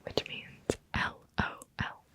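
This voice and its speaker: A woman hosting an ASMR video in a close whisper, right in your ear on a binaural mic, lingering over and repeating words. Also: a bit bright. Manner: slow, lingering repetition of words. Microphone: close binaural microphone.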